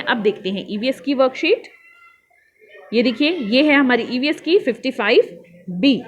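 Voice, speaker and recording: A woman teacher patiently walking young children through a worksheet, spelling out answers slowly and calling her pupils "beta". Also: on the high side, muffled recording.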